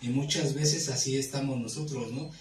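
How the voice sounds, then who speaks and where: A man chimes in during a Bible study, searching for his words and circling back as he quotes verses. He is heard from off the mic, in a reverberant room with steady background noise. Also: medium pitch, moderate pace. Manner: hesitant, full of fillers and restarts while paraphrasing verses. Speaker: class participant. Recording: distant mic in an echoey room with clear noise.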